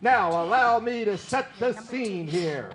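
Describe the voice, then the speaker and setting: A man's voice: sits high, animated, slow, very noisy. A man playing a cheery old-time radio announcer with a theatrical, sing-song delivery. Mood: showy. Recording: music under the voice.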